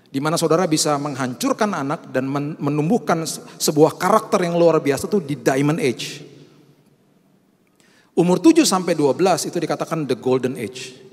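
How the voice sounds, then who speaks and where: A middle-aged male pastor, telling animated stories in a sermon and mixing in English phrases. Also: a little high, big-room sound.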